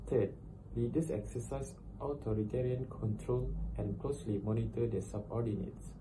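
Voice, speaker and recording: A man's voice: mid-range voice, fairly even intonation, normal speed. A young man reading out a scripted slide presentation as a student presenter. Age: young adult. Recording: distant mic with clear noise.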